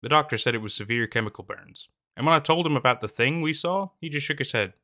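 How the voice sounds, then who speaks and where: A young man with a medium-pitched, animated voice speaks quickly in a sharp tone. He narrates a horror story, then chats casually, rambling and hesitant, with plenty of fillers and restarts. He's recorded at a desk in a small room in front of a green screen.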